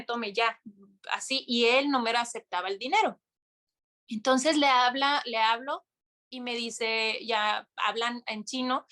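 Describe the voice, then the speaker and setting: Young woman, podcast guest, high bright voice, animated storyteller acting out quotes. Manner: animated, full of restarts and acted-out quotes. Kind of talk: casual storytelling interview.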